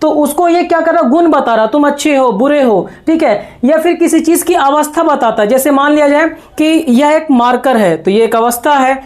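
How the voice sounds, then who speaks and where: High-voiced woman teaching grammar. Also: a little mellow. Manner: slow, repetitive, checks understanding often. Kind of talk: classroom lesson explaining grammar.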